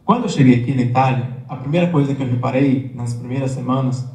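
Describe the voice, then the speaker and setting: Mellow-voiced man in an echoey room. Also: medium pitch, fast talker. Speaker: interviewee telling of his life abroad. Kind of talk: recounting personal experience. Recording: echoey room, played clip.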